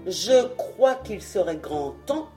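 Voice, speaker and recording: A woman's voice: medium pitch, sing-song, slow pace, mellow, faint music behind. Woman reading as a timid young man. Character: timid young male companion. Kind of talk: audiobook character reading.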